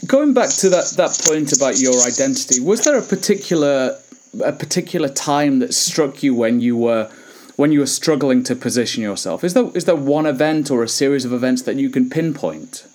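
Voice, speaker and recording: A man's voice: medium pitch, expressive, fairly quick, darkish tone. A man interviewing a guest, polite and hesitant, often repeating words as he frames questions.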